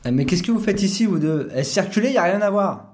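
Man as brusque venue watchman, brisk talker. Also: high voice, expressive, background noise. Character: brusque, busy venue watchman shooing intruders away. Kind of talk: audio drama acting.

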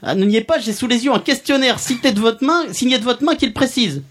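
A man's voice: extremely high pitch, animated, a little fast, a bit bright, full character voice. A man playing a pompous, sardonic podcast columnist who roasts the guest and chuckles at his own jokes. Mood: smug, mocking. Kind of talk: comic podcast chronicle.

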